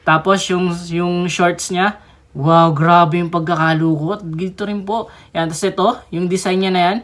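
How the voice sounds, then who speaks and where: A young woman giving casual unboxing commentary on a figure, chatty, with excited exclamations and little giggles. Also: on the low side, unhurried. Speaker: toy reviewer.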